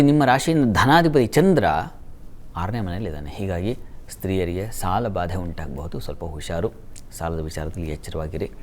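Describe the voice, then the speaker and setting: A man with a Kannada accent reading the daily horoscope as an astrologer, chanting Sanskrit verses slowly and letting his sentences fall to a soft hush. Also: low voice, a little hiss or hum.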